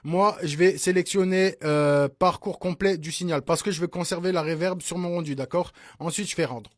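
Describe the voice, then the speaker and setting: A man's voice: a little high, fairly even intonation, normal speed, no room sound, clean studio sound. A man giving a casual music production tutorial, chatting to his viewers and checking in with them every few phrases. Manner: chatty, peppers speech with "hein" and "d'accord?"; addresses viewers as "les gars". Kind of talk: casual screen-recorded tutorial.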